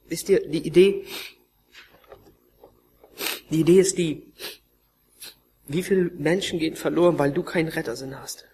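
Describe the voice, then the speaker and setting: A man preaching with strong feeling, his voice sitting a little high for a man. He climbs into loud, urgent pleading, then sinks to soft, breathy near-whispers as he tells his own story to the congregation. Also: steady tone, a little slow, pauses often. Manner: emotional, swinging between raised pleading and hushed near-whispers. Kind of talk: sermon testimony.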